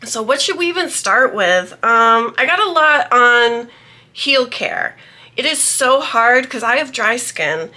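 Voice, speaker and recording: A woman's voice: on the high side, pushed and bright. A young woman vlogger chatting casually about beauty tips, her voice a little nasal from a cold, rambling with many ums. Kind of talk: casual chat to camera.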